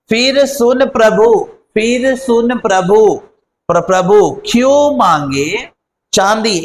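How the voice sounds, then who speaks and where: A man's voice: high voice, slight background noise, poor audio. A man teaching a chemistry lesson online, repeating key words and quizzing his pupils as he goes.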